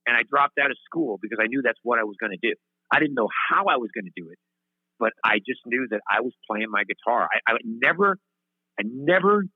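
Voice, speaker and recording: This man in his fifties has a medium-pitched voice and is a singer-songwriter guest telling long interview stories. He rambles, restarts sentences, interrupts himself and laughs at himself, all over tinny phone audio without any room sound.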